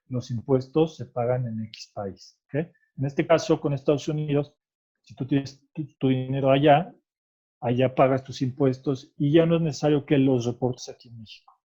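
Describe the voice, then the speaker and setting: Here a tax expert guest with a Mexican Spanish accent patiently lays out tax rules in conversation, repeatedly making sure he's understood by adding "¿ok?". His voice is medium-pitched and dark, heard through dull audio.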